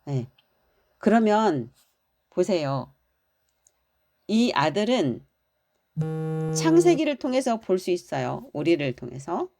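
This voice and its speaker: Lively woman pastor preaching. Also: lowish voice, takes it slowly, long pauses. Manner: animated preaching, acting out quoted lines. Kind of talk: sermon.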